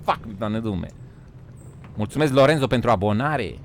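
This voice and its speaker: A Romanian man streaming a game live, joking loudly, swearing and calling his viewers "frate", often breaking into shouts and laughs. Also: a little high, animated, a little hiss or hum. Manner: swears and says "frate" a lot. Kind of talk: live gaming stream chat.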